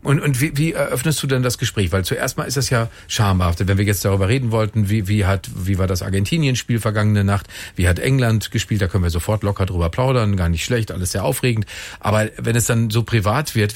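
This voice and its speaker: A man's voice: fairly low pitch, dry recording. A man in his fifties hosting a casual radio interview, rambling and teasing with many restarts. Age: 50s. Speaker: radio host.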